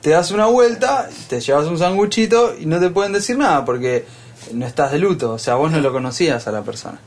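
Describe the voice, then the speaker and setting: A man's voice: fairly high pitch, expressive, fairly quick. A man with an Argentine accent in comedic banter, building his points through careful restarts. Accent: Argentine Spanish. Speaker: comedic panelist.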